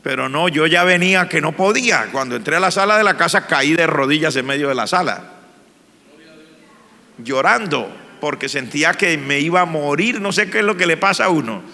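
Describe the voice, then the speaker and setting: A man's voice: on the high side, expressive, normal speed, sharp tone, long reverb tail. A man, a pastor telling his personal testimony in church with an earnest, emotional manner. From Colombia.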